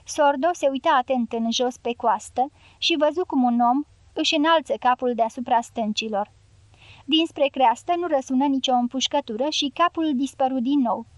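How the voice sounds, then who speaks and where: A woman narrating a novel as an audiobook in a steady, even storytelling manner. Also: high voice, no room sound.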